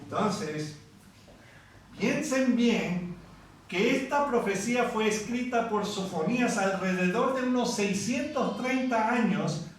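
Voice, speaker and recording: A man from Venezuela preaching a sermon in a conversational, unhurried way and singing scripture passages in a church hall. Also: sits high, a little hiss or hum. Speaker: pastor. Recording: echoey room from far off.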